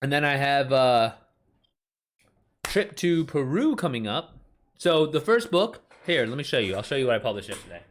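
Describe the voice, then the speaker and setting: A man's voice: mid-range voice, very animated, normal speed, a little hiss or hum. Thirties male author-streamer, loose and rambling, restarts his sentences, chats with viewers. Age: 30s. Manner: rambling, chatty, many fillers and restarts; talks back to chat readers. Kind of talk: casual live-stream chat. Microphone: streaming mic.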